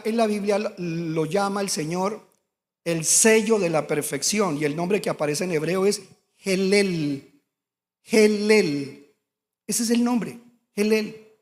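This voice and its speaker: A pastor with a fairly high voice preaches a sermon, dramatizing stories and quoting people with building intensity. His voice rings with a long reverb, as if it fills a church hall. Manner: animated storytelling, acting out quoted voices with rising intensity.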